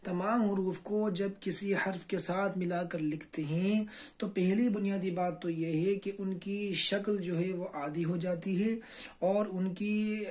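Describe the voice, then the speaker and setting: A man teaching a beginner Urdu lesson with an Urdu accent, reading letter combinations slowly and repeating each syllable patiently. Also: high-pitched, darkish tone, breathy edge.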